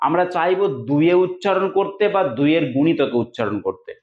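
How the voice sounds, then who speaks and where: A man's voice: on the high side, lively intonation, quick pace. A man teaching an exam-prep lecture, explaining step by step and sounding out words syllable by syllable. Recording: echoey, dull lo-fi room sound.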